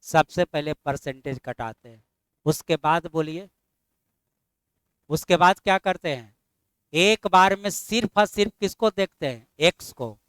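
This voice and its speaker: High-voiced math teacher drilling students. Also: male voice, unhurried, pauses often, a bit bright, clear, resonant tone, no echo. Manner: drills students with constant questions, mildly scolding. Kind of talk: classroom math lesson.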